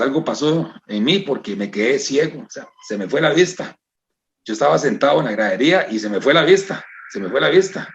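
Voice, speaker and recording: Gravelly Costa Rican man testifying. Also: mid-range voice, dull audio. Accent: Costa Rican Spanish. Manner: emotional, repeats "hermanos" and "¿verdad?". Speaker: church member giving testimony. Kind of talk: personal testimony to a congregation.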